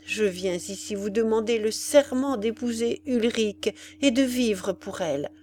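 A woman's voice: a little high, measured pace, a little mellow, slight background noise, close to an everyday voice. A woman reading aloud, voicing a desperate young woman who pleads with her beloved in an impassioned, tearful way. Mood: urgent.

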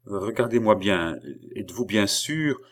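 A man's voice: fairly low pitch, animated, a little slow. A man voicing a proud, wounded queen, pleading in a heightened voice that rises to cries.

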